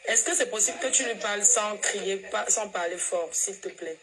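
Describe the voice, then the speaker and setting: A woman from Cameroon, a mother coaxing her child on a speakerphone call. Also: medium pitch. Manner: coaxing, patient with her child, then hurried and loud. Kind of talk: casual phone call vlog. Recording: crowd chatter behind.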